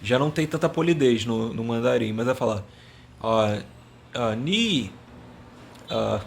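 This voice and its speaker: A man's voice: medium pitch, animated, a little slow, creaky, slight background noise. Rambling, self-mocking man. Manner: rambling, self-mocking, stumbles and searches for words. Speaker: language video host. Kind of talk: casual comedic monologue.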